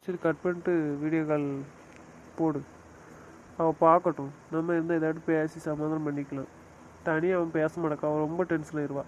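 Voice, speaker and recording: A man's voice: a little high, level tone, normal speed, pauses often, dull audio, slight background noise, natural voice. A man voicing a protective brother-in-law who scolds and prods with concern in an audio drama. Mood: concerned, scolding. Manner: scolding, prodding, emphatic.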